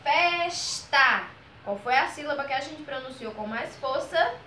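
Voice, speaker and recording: A woman teacher explaining a grammar lesson, pronouncing example words slowly and checking in often with "ok?" and "certo?". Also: sits high, fairly bright tone, roomy sound, a little hiss or hum, rough recording. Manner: patient, drawn-out model words, frequent "ok?" and "certo?" checks.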